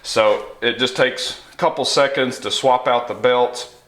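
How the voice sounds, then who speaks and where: A man's voice: mid-range voice, fairly even intonation, a little slow, fairly bright tone. A man giving a casual, hands-on tutorial in a workshop, explaining things in an informal way. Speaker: knife sharpening tutorial host. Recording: echoey workshop room.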